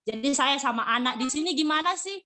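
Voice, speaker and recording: A woman's voice: sits high, animated, a little fast, bright, forceful tone. A woman sharing a personal faith testimony in casual talk over a video call, earnest and emotional, often repeating her phrases. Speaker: church member sharing testimony.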